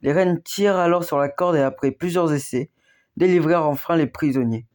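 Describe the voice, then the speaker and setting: A young man reading a Christmas story aloud, lively and expressive, dropping into quick character voices. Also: fairly high pitch.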